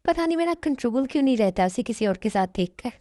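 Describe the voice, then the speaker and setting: A woman's voice: fairly high pitch, expressive, fast talker, heavy background noise, lightly acted. A woman voicing a hot-tempered young husband who speaks tensely and apologetically in a fan-made dub drama. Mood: worried.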